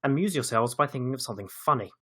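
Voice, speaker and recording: A man's voice: mid-range voice, animated, racing, background noise. A man chatting casually and apologetically on a live stream.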